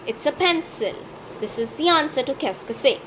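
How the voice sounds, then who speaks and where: A woman hosting a French lesson channel, explaining slowly and drilling pronunciation carefully. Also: high-pitched, lively intonation, a bit bright, a little hiss or hum, rough recording. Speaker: French teacher and channel host. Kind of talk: slow instructional explanation.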